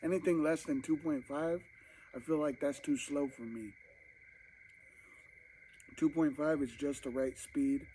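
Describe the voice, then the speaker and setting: A man's voice: a little high, fairly even intonation, measured pace, pauses often, dark tone, a little hiss or hum, rough recording. A man vlogging casually to camera while eating, rambling and talking with his mouth full, at home at night. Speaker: mukbang vlogger.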